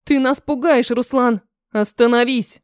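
A woman's voice: fairly high pitch, fairly even intonation, a little slow, no echo, clean studio sound, natural voice. A woman voicing a trembling young mother. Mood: defiant. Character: frightened young mother defending her child.

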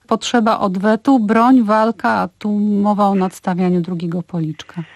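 A woman interviewing a guest on the radio, asking calm, measured questions. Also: medium pitch, no echo. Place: radio studio.

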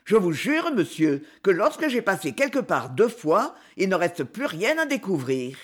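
A reader voicing a young male reporter who makes ringing, forceful accusations in court. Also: sits high, sing-song, moderate pace, husky, exaggerated voice. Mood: accusing.

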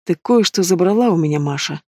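A man voicing a domineering, possessive mobster in an audiobook, speaking low and mocking. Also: lively intonation, brisk, dark tone, no room sound, clean studio sound. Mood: menacing.

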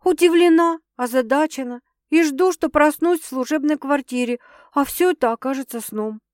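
A woman's voice: sits high, normal speed, darkish tone, no echo, clean studio sound, voice pushed up, lightly acted. A woman voicing a flustered young woman who answers hesitantly and a bit defensively. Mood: unsettled. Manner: hesitant, sighing, a little defensive. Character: flustered young woman, wary but curious.

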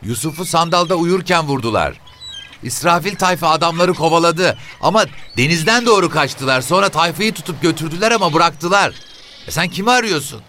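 Man voicing an older woman: shrill, nosy, quick to bristle; audiobook, light hiss. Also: lively intonation. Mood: defiant. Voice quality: shrill, sweet and grating. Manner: sharp, pestering questions. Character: shrill, quick-tempered old woman, a fishermen's mother. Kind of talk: audiobook character voice.

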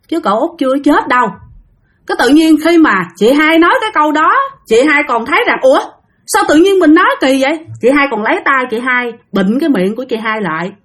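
A woman's voice: on the high side, fairly bright tone. A woman telling a spooky tale in a chatty way, often speaking straight to her listeners. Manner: chatty, addresses listeners directly. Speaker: storyteller. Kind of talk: spooky storytelling narration.

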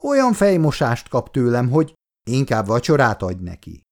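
A man's voice: wildly swooping pitch, darkish tone. A male reader voicing a fierce, emotional elderly mother who scolds her grown sons. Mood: scolding. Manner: scolding, shrill outbursts.

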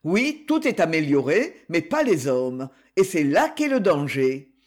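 A man's voice: a little high, big pitch swings, measured pace. A man doing a grim, dry-voiced bedridden husband. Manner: dry, clipped, coldly reasoning.

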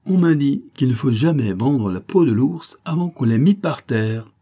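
A man reading aloud, voicing a calm, aloof young woman who speaks with nonchalant mockery. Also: lowish voice, fairly quick, breathy edge. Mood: mocking. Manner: nonchalant, mocking.

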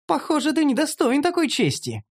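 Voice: medium pitch, very animated, normal speed, voice pushed up. A narrator voicing a bold, mocking young female elf in an audiobook, talking brashly and teasingly. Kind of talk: audiobook character voice.

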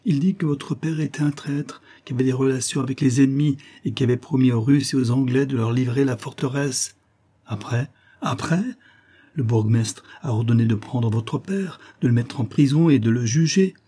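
A man voicing a fearful, fussy old male servant in an audiobook, anxious and rushed. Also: mid-range voice, dark tone, breathy edge, pitched above the performer's own voice, close to an everyday voice. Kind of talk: audiobook character voice.

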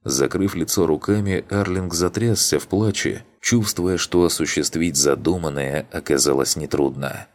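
Мужчина спокойно и размеренно читает вслух художественную книгу как диктор аудиокниги. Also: male voice, low-pitched, normal speed, hardly any pauses. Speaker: audiobook narrator. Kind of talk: scripted audiobook narration.

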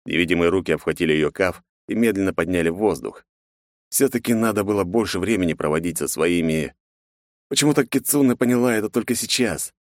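A man narrating an audiobook in a measured, expressive way. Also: low voice, no room sound, studio quality.

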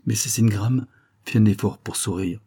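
Low, husky male audiobook narrator. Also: a little fast, dark tone. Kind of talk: scripted narration.

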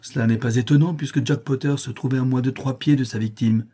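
A man's voice: medium pitch, fairly even intonation, brisk, warm tone, slightly rough, pitched above the performer's own voice, close to an everyday voice. A man voicing an old village woman who speaks matter-of-factly. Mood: assertive.

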